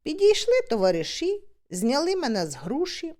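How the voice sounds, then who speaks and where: Female audiobook reader, high and animated, expressive comic storytelling. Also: normal speed. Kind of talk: humorous storytelling narration.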